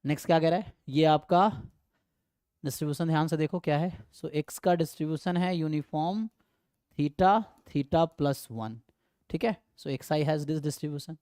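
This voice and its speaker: A man's voice: on the high side, moderate pace, warm tone, clean tone, no room sound, studio quality. A man teaching statistics, walking through exam problems and checking in with his students often. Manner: explanatory, frequent "है ना" check-ins, mixes English terms. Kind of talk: exam problem walkthrough lecture.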